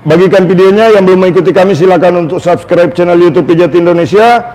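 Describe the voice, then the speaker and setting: A man working as a massage therapist, calmly instructing and demonstrating on a patient step by step. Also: high-pitched, fast, rough recording. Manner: coaching and instructing step by step, calls out words to repeat.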